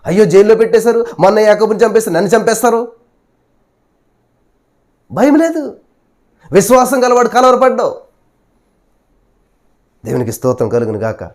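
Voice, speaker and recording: High-voiced preacher, hushed hallelujahs. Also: male voice, very animated, normal speed, long pauses. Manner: rhetorical questions, repeated hallelujahs; dramatic swings between loud and hushed. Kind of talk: sermon.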